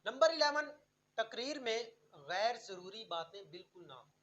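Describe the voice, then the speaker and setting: A woman narrating a scripted tutorial on public speaking, counting off numbered tips in a clear, instructive way. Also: on the high side, expressive, fairly bright tone, lo-fi sound.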